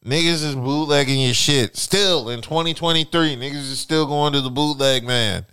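Young guy on a podcast, smooth clear voice, dry close sound, swears a lot and tells stories big. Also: on the high side, moderate pace, no room sound. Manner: animated storytelling, profane. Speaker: podcast co-host. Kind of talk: casual chat.

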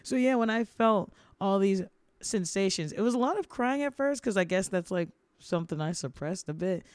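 Young woman, podcast co-host, animated storytelling, laughs, dry close sound. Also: medium pitch, moderate pace, dry recording. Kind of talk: casual chat.

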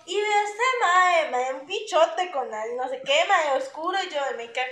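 Young Costa Rican woman, high voice, animated storyteller, echoey room. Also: moderate pace. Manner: animated, laughing storyteller who acts out quotes. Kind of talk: casual chat, storytelling.

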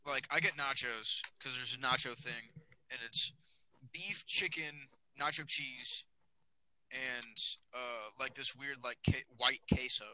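Bright-voiced teen guy rambling. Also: medium pitch, slow pace, clear, resonant tone, poor audio. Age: teens. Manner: rambling, many fillers. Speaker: podcast host. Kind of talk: casual chat. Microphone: phone.

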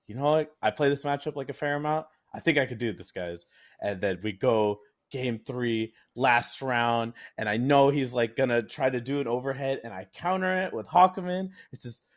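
A young man, a competitive gamer, telling a story in casual chat, animated and laughing. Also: medium pitch. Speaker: guest player.

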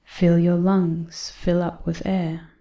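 A woman reading a guided breathing exercise in a soft, calm voice that often drops to a half-whisper. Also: lowish voice, takes it slowly, roomy sound. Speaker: meditation guide.

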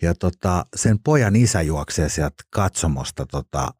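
Middle-aged male interview guest: very deep, husky voice, blunt and colloquial, swears freely, dry close sound. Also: lively intonation, a little mellow, dry recording. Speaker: guest, former criminal and author. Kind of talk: casual interview storytelling.

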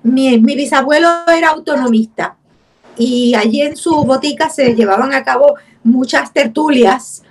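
In this interview, a Puerto Rican actress in her 70s talks over a video call, unhurriedly recalling her family history as a guest. Her voice sits high, slightly rough, with a Puerto Rican accent.

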